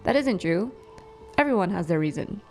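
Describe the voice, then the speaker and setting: A woman's voice: medium pitch, expressive, normal speed, mellow, soft background music, natural voice. A woman voicing Balder, a stern, exasperated team leader. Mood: earnest. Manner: stern, chiding.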